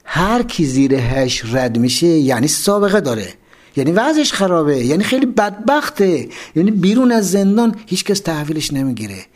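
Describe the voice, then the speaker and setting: A man voicing a streetwise male prisoner who talks in a hushed, confiding street manner. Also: on the high side, big pitch swings. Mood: explaining.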